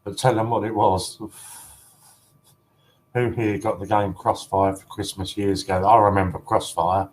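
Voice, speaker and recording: A man's voice: lowish voice, little pitch movement, measured pace, pauses often, rough recording. A man hosting a casual collector livestream, chatty and teasing, often breaking into giggles.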